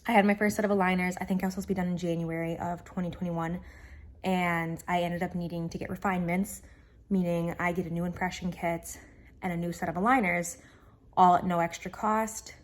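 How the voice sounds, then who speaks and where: A woman's voice: on the low side, flat delivery, a little fast. Casual woman vlogger with an aligner lisp. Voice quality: slight lisp from wearing dental aligners. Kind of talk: casual chat to viewers.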